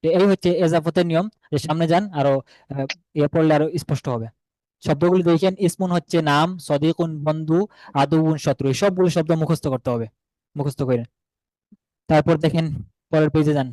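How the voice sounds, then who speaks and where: A man with a somewhat high voice leads an online class. He drills vocabulary slowly, repeating each word form so students can follow. The sound is close and dry. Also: warm tone, dry recording, poor audio. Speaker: Arabic teacher.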